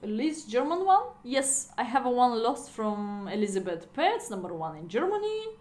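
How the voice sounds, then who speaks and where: This woman's fairly high voice swings widely in pitch, moving at normal speed with a slightly mellow tone. A chatty chess streamer and native Bulgarian speaker, she laughs through casual live-stream commentary in non-native phrasing from a room at home.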